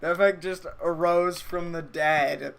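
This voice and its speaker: A young man in casual voice chat, teasing a friend and swearing often in deadpan mock arguments. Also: a little high, takes it slowly, gravelly, very noisy.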